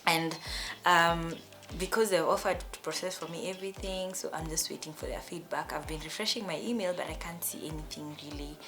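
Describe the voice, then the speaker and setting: A young woman with a Kenyan accent tells a personal storytime vlog in a lively, emotional way, often restarting her sentences. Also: fairly low pitch, fairly quick, over music. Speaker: vlogger.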